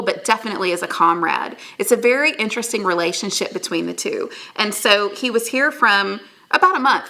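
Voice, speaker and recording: Gravelly, bright woman storyteller. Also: mid-range voice. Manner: animated, chatty, with many fillers and asides. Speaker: history teacher. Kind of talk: casual storytelling lesson.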